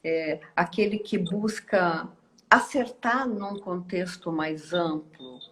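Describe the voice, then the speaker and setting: A woman with a Brazilian Portuguese accent, a guest speaker giving a reflective live-stream talk with many pauses and tag questions. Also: on the low side, a bit bright. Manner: slow, thoughtful, with frequent pauses and tag questions. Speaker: guest speaker and course teacher.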